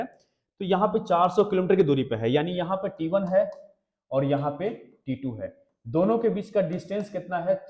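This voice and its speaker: A man's voice: on the high side, a little mellow. A male maths teacher giving an exam-prep lesson, explaining step by step and often checking if the class understands. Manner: explains step by step, keeps asking the class questions. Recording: echoey room.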